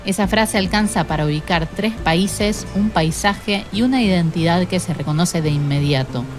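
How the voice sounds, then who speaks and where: Low-voiced woman narrating over music. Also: moderate pace. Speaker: podcast narrator. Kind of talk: scripted documentary narration. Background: music bed.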